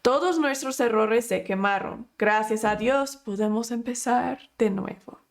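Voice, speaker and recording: A man's voice: very high voice, a little slow, vocal fry, slight background noise, exaggerated voice. A woman voicing a man, an upbeat inventor speaking to his staff with cheerful resolve. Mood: resolute.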